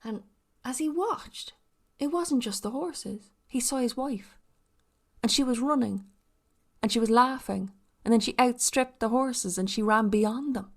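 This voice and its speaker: Lilting Irish woman storyteller with creaky voice. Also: fairly high pitch, measured pace. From Ireland. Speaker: storyteller, podcast guest. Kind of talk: oral storytelling of a folk tale.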